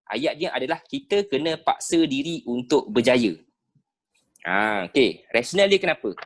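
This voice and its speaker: Lively Malaysian man teaching a video-call class. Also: medium pitch, moderate pace. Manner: animated, peppered with "ha" and rhetorical checks. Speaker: sales trainer.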